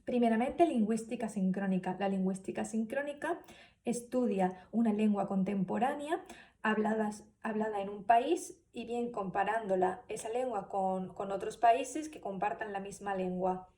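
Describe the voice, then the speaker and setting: A woman's voice: medium pitch, normal speed, warm tone, distant mic. A woman giving a spoken class presentation, hesitant, with many fillers and restarts. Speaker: student presenter.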